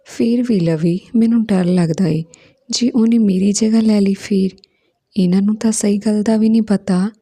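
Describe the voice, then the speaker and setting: A woman reading the part of a tearful, worried young wife who speaks softly, at times in a whisper. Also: mid-range voice, steady tone, normal speed, slightly rough. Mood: anxious.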